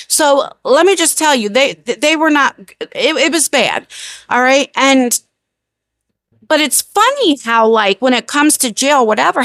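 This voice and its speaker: A woman's voice: on the high side, a bit bright, no echo, clean studio sound. An American woman telling a personal story as a casual storytime vlogger, chatty and emphatic, repeating phrases and checking in with the listener.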